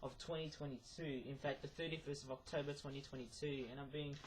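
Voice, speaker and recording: A man's voice: medium pitch, little pitch movement, fast, slight background noise, poor audio. A man chatting casually in a rambling vlog, hesitating and repeating himself as he goes. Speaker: YouTube vlogger.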